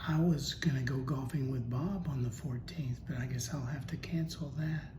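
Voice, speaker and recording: A man's voice: medium pitch, normal speed, close to an everyday voice. A man voicing an easygoing older husband who goes along with his wife, in his own voice. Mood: mild. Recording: echoey room with steady noise.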